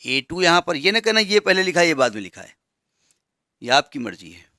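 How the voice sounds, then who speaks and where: A man's voice: on the high side, sing-song, sharp tone, no room sound, clean studio sound. A man teaching a maths lesson, explaining step by step with asides and rhetorical questions. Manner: reads English problem text slowly and deliberately.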